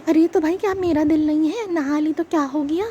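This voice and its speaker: A woman's voice: sits high, brisk, warm tone, a little hiss or hum, close to an everyday voice. A woman voicing a panicky, overdramatic little girl doll in a children's puppet show. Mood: pleading. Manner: wailing, overdramatic pleading.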